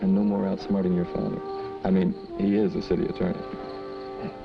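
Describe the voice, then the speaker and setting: A man's voice: low-pitched, flat delivery, a little fast, vocal fry. An actor playing a young man in love who talks in a teasing, easygoing way, on a dull old film soundtrack with music. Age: young adult.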